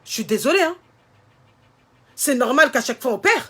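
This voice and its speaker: A woman speaks straight to her online audience in a high, bright-pitched voice. She rants with indignant force, stressing and repeating each demand. It is a heated vlog commentary. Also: animated, normal speed, husky. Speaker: social media commentator. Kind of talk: impassioned vlog rant to viewers.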